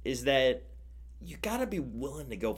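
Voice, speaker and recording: Very animated and slightly rough, this medium-pitched male voice moves at normal speed. The speaker is a business owner in his thirties, a podcast guest chatting casually and rambling with lots of restarts and fillers.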